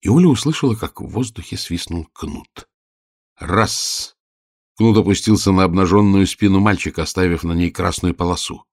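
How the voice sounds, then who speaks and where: Brief: male narrator, very low and gravelly, steady expressive storybook reading, dry close sound. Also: fairly quick, few pauses, dry recording.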